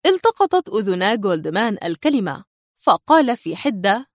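A woman narrating a thriller audiobook in a dramatic, expressive reading style. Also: mid-range voice, normal speed, no room sound, studio quality.

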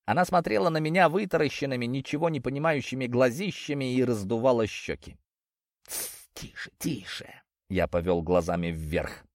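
A man narrating a fantasy story in the first person as an audiobook, in steady, expressive storytelling. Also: fairly low pitch, no echo, studio quality.

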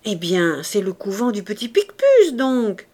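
A woman reading aloud, voicing an old male gardener in a raised, lively, exclaiming voice. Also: fairly high pitch, unhurried. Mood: eager. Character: spry old male gardener, eager and devoted.

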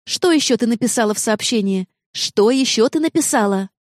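A woman's voice: fairly high pitch, lively intonation, fairly quick, no echo, clean studio sound, pitched above the performer's own voice, close to an everyday voice. A woman reading the part of a worried, bossy young female friend who scolds in a raised, agitated voice. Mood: alarmed.

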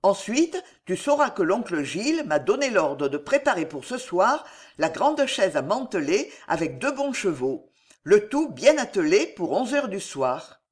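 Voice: medium pitch, big pitch swings, unhurried, husky. A reader voicing a brash, chatty young male servant in an audiobook. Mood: boastful. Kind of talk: audiobook character reading.

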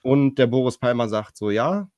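A man's voice: mid-range voice, animated, moderate pace, a little mellow, no room sound, clean studio sound. A man hosting a casual panel podcast, reading out news items and commenting with many hesitations. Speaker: podcast host.

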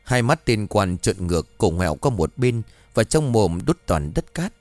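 A man's voice: lowish voice, expressive, measured pace, darkish tone, no room sound, faint music behind. A man narrating a horror folk tale with suspenseful, dramatic storytelling.

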